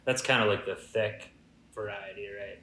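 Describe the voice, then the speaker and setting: A man's voice: fairly low pitch, steady tone, normal speed, bright, forceful tone, echoey room. A man co-hosting a comedy podcast in casual improvised chat, with a jokey mock-regal manner. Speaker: podcast co-host.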